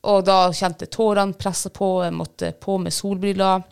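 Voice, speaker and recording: A woman's voice: medium pitch, little pitch movement, gravelly, clear, resonant tone. A woman telling a personal story in casual chat, candid and self-deprecating, often breaking into laughter.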